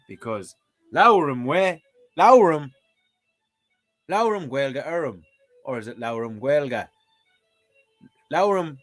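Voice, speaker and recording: On his livestream, a man works through a language lesson and comments casually, cracking jokes and making mock exclamations. He is a streamer learning the language, and his voice is on the high side with a fairly bright tone.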